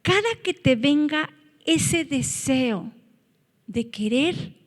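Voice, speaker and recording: A woman preaching a sermon, earnest, rising to loud cries when she quotes scripture. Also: high voice, animated, takes it slowly, in a large hall.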